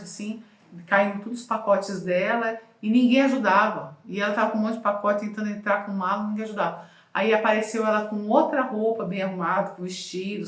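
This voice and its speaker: In a roomy-sounding recording, a female communication and voice coach offers casual advice. Her mid-range voice keeps shifting in pace and emphasis in a lively way.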